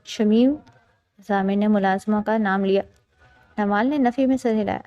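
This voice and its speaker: A woman narrating a romance novel in a steady, expressive storytelling style. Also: medium pitch, no echo, muffled recording, soft background music. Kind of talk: scripted audiobook narration.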